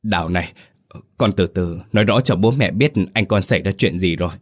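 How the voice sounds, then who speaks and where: A man voicing an older village father in a ghost story audiobook, giving orders in a stern, steady voice. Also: deep voice, brisk.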